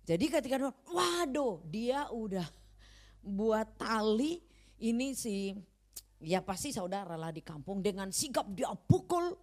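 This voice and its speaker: A woman's voice: medium pitch, unhurried. A woman pastor preaching a sermon in a church, telling a story and acting out the quoted dialogue. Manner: animated, acts out quoted dialogue.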